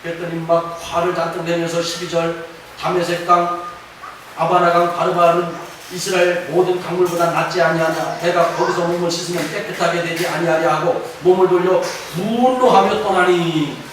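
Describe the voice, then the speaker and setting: A man's voice: high-pitched, level tone, normal speed, fairly bright tone. A male pastor preaching a sermon, telling the story with animation and acting out the characters' lines. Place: church sanctuary. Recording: roomy echo from far off, faint noise.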